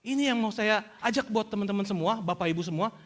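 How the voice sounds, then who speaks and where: A middle-aged male pastor preaching a sermon in a lively way, slipping into English phrases and acting out what others say. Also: high-pitched, quick pace. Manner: animated, mixes in English phrases, acts out quoted speech. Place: church service.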